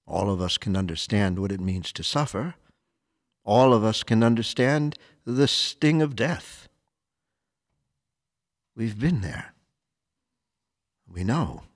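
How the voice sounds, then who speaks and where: A man reading scripture and preaching as clergy, solemn and deliberate, with measured pauses. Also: fairly low pitch, slightly rough, no room sound, studio quality. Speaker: priest or deacon reading the Gospel and preaching. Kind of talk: liturgical scripture reading and homily.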